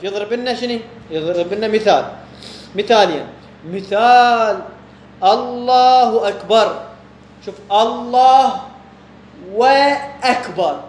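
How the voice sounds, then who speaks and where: Iraqi guy teaching religious rules, keeps asking his own questions, roomy echo. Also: sits high. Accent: Iraqi Arabic. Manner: asks questions and answers them himself, drawn-out examples. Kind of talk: explaining a jurisprudence text to students. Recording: echoey room with faint background hum.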